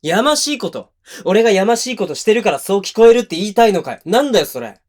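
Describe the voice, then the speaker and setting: Up close on a binaural microphone, a male actor plays a defensive, hot-tempered young boyfriend in a situation voice drama, addressing the listener bluntly in casual masculine speech. He sounds angry and indignant, his high, darkish voice very animated and quick.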